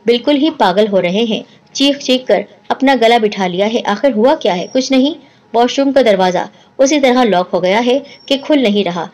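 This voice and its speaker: A woman's voice: on the high side, a little mellow, natural voice. A woman voicing a worried young wife who speaks with anxious urgency. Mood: exasperated.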